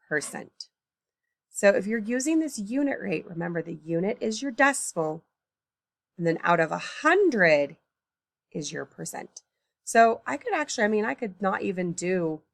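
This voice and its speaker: Early in the morning and tired, a woman works math problems aloud for a recorded lesson, thinking out loud and fixing slips as she goes. Her medium-pitched voice sounds gravelly on a dry recording.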